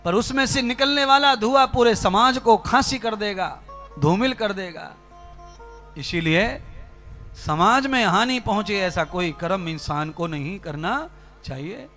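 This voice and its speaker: A fervent male preacher with a strikingly high, bright, ringing voice delivers a spiritual discourse. He talks straight to his listeners with rhetorical questions. Faint music plays behind him. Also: a little slow, long pauses. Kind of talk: Hindi religious discourse.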